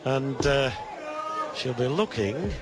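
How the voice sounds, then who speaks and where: A man giving live darts commentary, measured and analytical, with considered pauses. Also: mid-range voice, lively intonation, noisy background. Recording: busy crowd behind commentary. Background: darts crowd.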